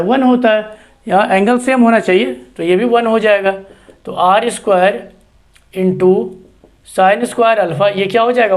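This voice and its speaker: A man teaching math, explaining a proof step by step. He talks patiently and keeps checking with the students as he goes. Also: high-pitched. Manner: patient, repeats checks like "see" and "okay".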